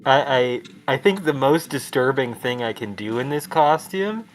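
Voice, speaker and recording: A man's voice: medium pitch, animated, moderate pace, slight background noise. A young man co-hosting a casual game stream, sarcastic and profane, rambling through banter. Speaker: streamer co-host. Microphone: headset.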